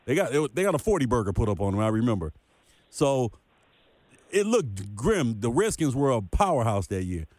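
A man's voice: mid-range voice, very animated, normal speed, a little mellow, no echo. Dry-voiced man hosting a sports podcast. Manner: emphatic, repeats points for effect. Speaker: podcast co-host. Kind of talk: casual sports talk.

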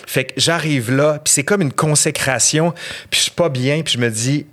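A middle-aged man with a Québécois French accent, a history professor telling lively anecdotes as a podcast guest. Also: fairly high pitch, normal speed. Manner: animated, acts out quotes and anecdotes. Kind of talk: casual interview storytelling.

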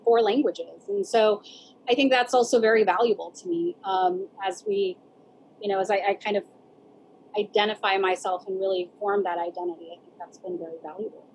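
Telling stories about her life in a relaxed, reflective way, an interviewee from the San Diego border region uses an American accent and says "like" and "you know" a lot. She speaks briskly and steadily in a mid-range, darkish voice. There's slight background noise on a rough recording.

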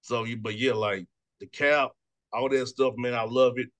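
A man in his thirties, a sports radio host, talking fast and casually, repeating words and laughing often. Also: medium pitch, fairly even intonation, a bit bright. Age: 30s. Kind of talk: casual sports talk interview.

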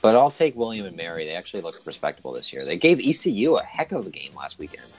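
Low-voiced young man on a sports podcast. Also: sing-song, fast talker, soft background music, poor audio. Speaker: podcast co-host. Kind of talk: casual sports podcast chat.

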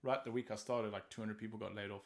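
Low gravelly guy rambling on a podcast, blunt and sweary. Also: steady tone, fast talker. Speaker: podcast co-host. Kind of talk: casual podcast chat.

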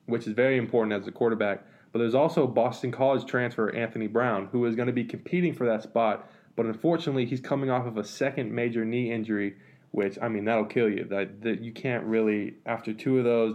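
Casual man talking college football. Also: medium pitch. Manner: relaxed, analytical, many fillers and restarts. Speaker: sports podcast co-host. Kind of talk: casual sports talk.

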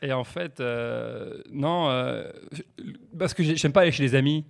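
A man, a podcast guest, telling stories in casual chat, animated and jokey, often restarting his sentences. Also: medium pitch, creaky. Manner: fast, animated, jokey storytelling with repeated restarts.

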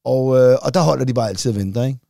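A chatty man jokes at his own expense in a laid-back podcast conversation. His voice is dark and gravelly, with plenty of fry. The recording is dry and close. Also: mid-range voice, no echo. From Denmark. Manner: chatty, self-mocking, joking. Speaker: podcast co-host. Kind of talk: casual chat.

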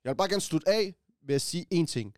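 A young man co-hosting a casual podcast, talking in a lively, slangy way and often acting out what others said. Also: fairly high pitch, no echo, clean studio sound.

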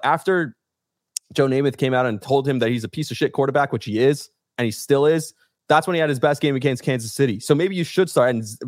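A man's voice: fairly high pitch, dry recording, studio quality. A man hosting a sports podcast, ranting heatedly and swearing in frustration. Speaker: podcast host.

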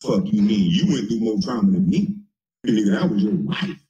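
A man's voice: lowish voice, normal speed, warm tone, dull audio. A man in his forties in a profane, mocking, taunting rant. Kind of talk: heated rant.

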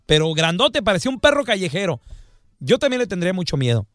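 Animated man telling stories. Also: sits high, fast, dry recording, studio quality. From Chihuahua, Mexico. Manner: animated, full of sighing groans. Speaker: radio show host. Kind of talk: casual comic storytelling.

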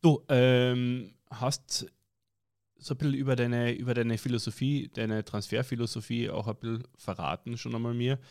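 A man's voice: medium pitch, steady tone, normal speed, a little mellow, dry recording, studio quality. Host, man, rambling self-mocking questions. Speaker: podcast host. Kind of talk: casual interview chat.

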